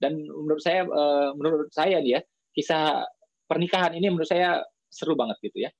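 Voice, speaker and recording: A man preaching in a casual storytelling style to a live audience, chatty, with lots of filler tags and lively quoted dialogue. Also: a little high, brisk, vocal fry, no room sound.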